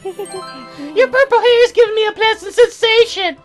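A man's voice: very high voice, animated, moderate pace, soft background music, voice pushed up. A man putting on the voice of a stiff young man on a date who talks like a robot faking being human, with formal, stilted, awkward wording. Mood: stiffly formal. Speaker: gamer voicing a character. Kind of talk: improvised character voice over a gameplay recording.

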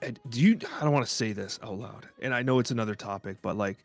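A man co-hosting a casual gaming podcast, venting in an expressive, exaggerated way. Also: fairly low pitch, fast talker, soft background music. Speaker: podcast co-host.

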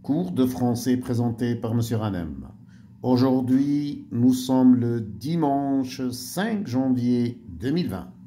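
A man teaching a primary-school French lesson, slowly spelling out syllables and letters for young pupils. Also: medium pitch, lively intonation, warm tone, a little hiss or hum.

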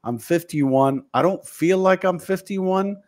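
Here the host is a man in his fifties with a high-pitched, darkish voice and an unhurried delivery. Over a studio mic on a video call from his home office, he chats casually, earnestly and somewhat self-deprecatingly, about what he hopes to achieve.

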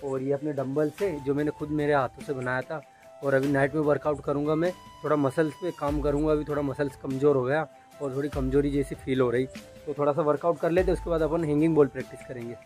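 A man's voice: a little high, flat delivery, fast talker, darkish tone, faint music behind. A young man narrating his daily life in a casual vlog, talking into a phone held at arm's length outdoors. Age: young adult. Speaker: vlogger. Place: outdoors, on farm fields and streets.

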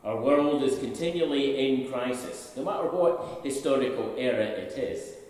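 The speaker is an older Scottish minister delivering a sermon at the pulpit of a large church, posing rhetorical questions to those gathered. He talks at normal speed in a medium-pitched, a little mellow male voice. With a stand mic at the pulpit but a camera capturing from afar, the recording is echoey and distant.

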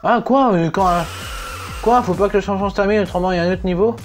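A young man doing let's play commentary, excitable, yelping and swearing at the game as he plays. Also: high voice, fast. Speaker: gaming YouTuber. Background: game music.

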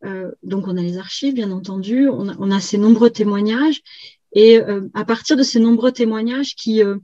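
A middle-aged historian and book co-author is interviewed in an academic discussion over a video call, indoors with a virtual background. She speaks haltingly and repeats words while searching for phrasing, in a mellow, medium-pitched voice. The computer call audio is slightly muffled, with no room sound.

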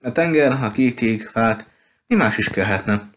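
A man's voice: mid-range voice, expressive, a bit bright, close to an everyday voice. A man voicing a talkative, gushing petite woman who runs a bookshop, in an audiobook. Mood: chatty. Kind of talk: audiobook character voice.

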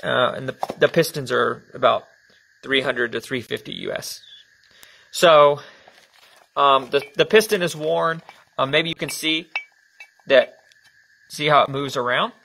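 Male vlogger, casual hands-on tutorial delivery, unhurried and filler-heavy, mid-range pitch. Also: gravelly, a little hiss or hum, low-quality recording. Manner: relaxed, explains step by step with many ums. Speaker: motorcycle vlogger.

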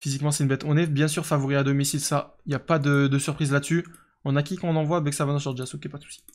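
Rapid-fire and a little high, this young man's darkish voice barely moves in pitch as he streams a football management game. He keeps things chatty, reading and answering viewer messages, with fillers everywhere in his casual commentary.

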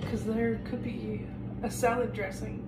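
A woman's voice: a little high, little pitch movement, measured pace, roomy sound, over loud music. A young adult woman telling jokes casually in short setups and punchlines. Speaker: comedian telling dad jokes. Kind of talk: casual joke-telling skits. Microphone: phone camera a few feet away. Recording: noisy phone video, distant mic.

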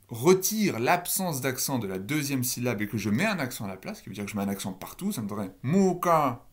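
A man giving a recorded university lecture on phonology, explaining step by step and asking the listeners questions. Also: on the low side.

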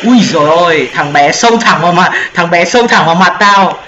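A man's voice: high voice, normal speed, noisy background. A young man chatting casually and joking with friends while gaming. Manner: joking, excitable, swears casually. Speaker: gaming channel host. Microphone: voice chat mic. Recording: echoey, dull lo-fi voice chat.

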